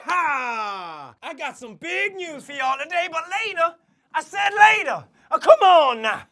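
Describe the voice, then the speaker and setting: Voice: high voice, big pitch swings, slow pace, heavily acted. A performer voicing a goofy cowboy sheriff mascot for kids in a put-on American cowboy drawl, hammy and showy. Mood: hammy cheerful. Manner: hammy, showy, yelling catchphrases. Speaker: road-safety mascot addressing children. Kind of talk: scripted kids' safety promo.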